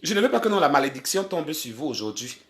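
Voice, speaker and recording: A man with a fairly high voice, big pitch swings, and a quick pace hosts a casual livestream from home into his phone. He's talkative and teasing, his voice sometimes drifts away from the mic, and he drops into quiet asides when taking phone calls.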